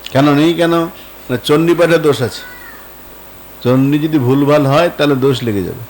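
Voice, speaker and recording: A fairly high-voiced man with a Bengali accent preaches a devotional sermon, telling stories and acting out their dialogue. He answers his own rhetorical questions. Faint noise sits behind him. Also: moderate pace, darkish tone, low-quality recording. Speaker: Vaishnava preacher.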